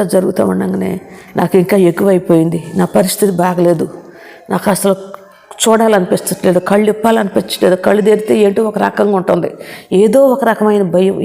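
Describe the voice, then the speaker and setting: A woman's voice: mid-range voice, gravelly, mellow. A woman giving an earnest personal testimony to a church congregation, often calling the listeners children of God.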